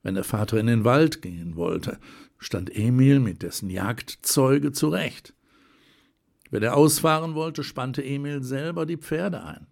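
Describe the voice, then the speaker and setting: A man narrating an audiobook with a steady, deliberate reading. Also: medium pitch, vocal fry.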